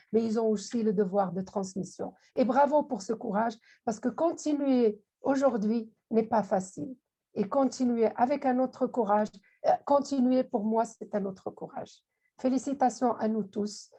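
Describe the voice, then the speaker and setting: A woman giving an emotional thank-you speech, halting and repeating words as she goes. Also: on the high side, warm tone, slightly rough. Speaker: panelist at online launch.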